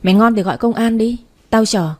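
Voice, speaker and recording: A woman's voice: fairly high pitch, brisk, a little mellow, close to an everyday voice. A woman reading a storybook, voicing a furious, abusive jealous wife who hurls insults. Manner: screaming insults.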